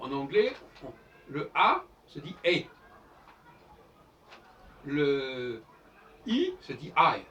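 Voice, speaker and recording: A man's voice: fairly high pitch, pushed and bright. A man giving an informal lecture as host of his own channel, explaining in a professorial way and spelling out examples letter by letter. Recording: distant mic with faint background noise.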